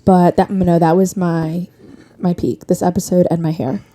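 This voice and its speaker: A woman's voice: fairly low pitch, normal speed. A young woman hosting a podcast, chatting casually and telling stories with slang, recorded in an office studio. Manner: chatty, animated storytelling with slang. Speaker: podcast host.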